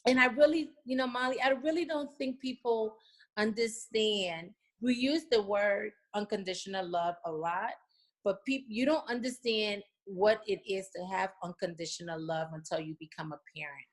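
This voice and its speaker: A middle-aged woman from Liberia speaks as an interview guest. She talks earnestly, repeats phrases and fills pauses with "you know". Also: mid-range voice. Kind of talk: remote interview, casual.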